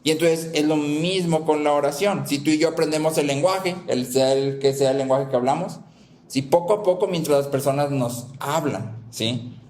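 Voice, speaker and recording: A man's voice: on the high side, normal speed, a little mellow, echoey room. A man preaching a sermon who repeats his key phrases and keeps asking the listeners "¿sí?" to check they follow.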